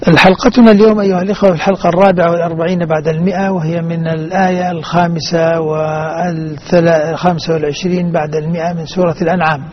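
A man's voice: on the high side, flat delivery, racing, few pauses. A man speaking formal standard Arabic as host and teacher of a religious recitation programme, explaining in a didactic way, listing and repeating his points. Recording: dull band-limited broadcast with faint noise.

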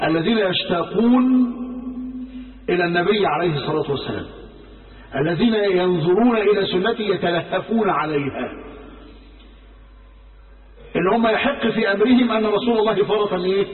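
A man with an Egyptian Arabic accent preaching a sermon, telling stories in a lively way and acting out the quoted speech. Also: sits high, brisk, pauses often. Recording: roomy hall from far off, phone-like sound.

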